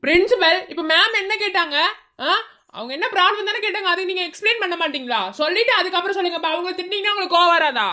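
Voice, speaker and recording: A woman's voice: on the high side, quick pace, natural voice. A woman voicing a cheeky, wisecracking male college student who mocks his elders. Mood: sassy. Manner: mocking back-talk.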